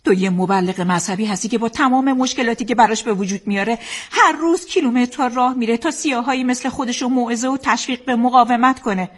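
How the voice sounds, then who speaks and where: A woman's voice: on the high side, hardly any pauses, natural voice. An actress playing a loving wife and mother who soothes and firmly reassures her troubled husband, in a dubbed drama. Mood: comforting. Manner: soothing, firm. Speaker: dubbing actor.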